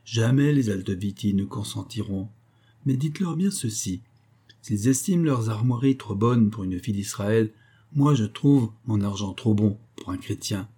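A man reading aloud and voicing a fawning, shrewd old male banker with a nasal, whining voice, in a low husky register. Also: expressive, normal speed, mellow. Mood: bitter.

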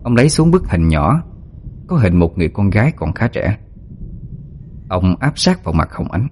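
A man narrating a ghost story in a steady, dramatic way. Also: lowish voice, moderate pace, slight background noise.

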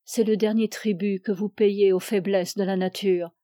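A man's voice: high-pitched, level tone, normal speed, warm tone, no room sound, studio quality, lightly acted. A woman reading a fervent old priest. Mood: grave. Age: older. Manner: solemn, fervent preaching. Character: aging ascetic male priest, imperious and pleading.

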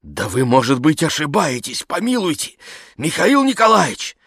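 Молодой барин в тревоге, голос чтеца, сухая запись. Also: male voice, on the high side, very animated, moderate pace, vocal fry, fairly bright tone, slightly rough, no room sound, studio quality, voice pushed up, heavily acted. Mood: alarmed. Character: young gentleman landowner, alarmed.

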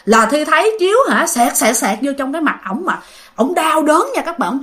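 A Southern Vietnamese woman tells a ghost story as if chatting with friends, often turning to her listeners. Her voice sits high and leaps up and down with lively energy. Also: a little fast. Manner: animated, talks straight to listeners. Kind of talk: casual spoken storytelling.

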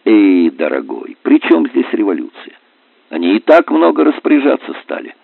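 A man's voice: fairly low pitch, wildly swooping pitch, moderate pace, gravelly, no echo, pitched above the performer's own voice, exaggerated voice. A man doing a proud, offhand young villager. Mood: dismissive. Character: proud young mountain villager, easygoing and traditional. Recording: dry, narrow phone-like sound.

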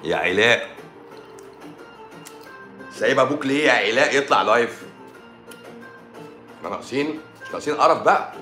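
Egyptian man, doctor on a live stream, sore throat, lively and sarcastic banter, echoey room. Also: mid-range voice, brisk, pauses often, soft background music. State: sore throat and swollen eye. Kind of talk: casual live-stream chat answering comments.

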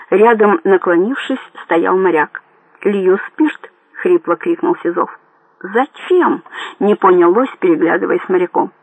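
High-voiced male audiobook narrator. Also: no echo, narrow, tinny audio.

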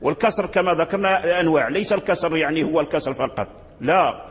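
A man's slightly high, husky voice explains Quran readings in a slow, repeating lecture. He restarts his words often and chants the examples. The sound carries a long hall reverb. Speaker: Quran recitation teacher.

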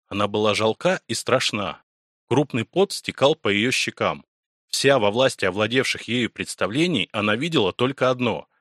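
A man narrates a literary story in the first person, measured and deliberate, with a dry touch of irony. His voice sits low, and the recording is close and dry, with no room around it. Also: a bit bright, no echo. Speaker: audiobook narrator.

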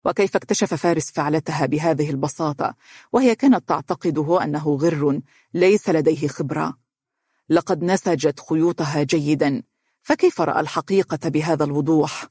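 Narrator for a novel, dramatic and steady, husky voice, dry sound. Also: medium pitch, a little fast, dry recording. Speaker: audiobook narrator.

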